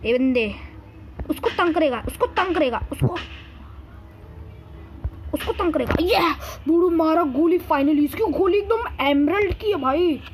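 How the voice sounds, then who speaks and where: Brief: a man voicing a squeaky, boastful cartoon cat gamer, rattling off commentary over loud game noise. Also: lively intonation, a little slow, pauses often. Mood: excited chatter. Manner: chattery, calls everyone brother, boastful. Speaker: gaming video host. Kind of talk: in-character gameplay commentary.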